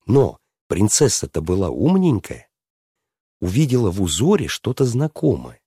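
Deep, lively male storyteller. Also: moderate pace, slightly rough, no room sound, clean studio sound. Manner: lively, asks the listener questions. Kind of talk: telling a fairy tale to a listener.

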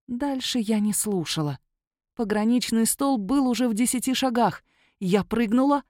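A woman reading a first-person fantasy story aloud with a wry, lively storytelling manner. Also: on the high side, no room sound, studio quality. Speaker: narrator. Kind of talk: first-person audiobook narration.

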